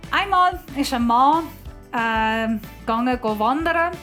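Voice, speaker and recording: A woman's voice: high-pitched, fairly bright tone. A woman hosting a church service, who welcomes the congregation and tells a short joke in simple, non-native German. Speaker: church host introducing the sermon. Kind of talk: welcome and opening story.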